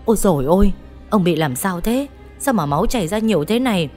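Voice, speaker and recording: A woman's voice: on the low side, a little slow, darkish tone, soft background music, lightly acted. A woman voicing a flustered old village wife who talks anxiously and fusses. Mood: alarmed. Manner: anxious, fussing.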